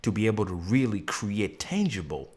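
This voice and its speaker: Male livestream host with a very low voice, courteous and supportive. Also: sing-song, normal speed, darkish tone, slightly rough. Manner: polite, encouraging, says "yes, sir". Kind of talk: livestream interview.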